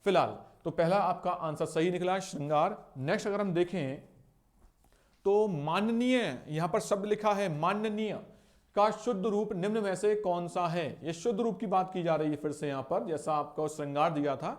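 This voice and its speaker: A young man with a high-pitched voice teaches an exam-prep lesson. He asks his own questions and answers them, and slowly repeats words to show how they are spelled and pronounced.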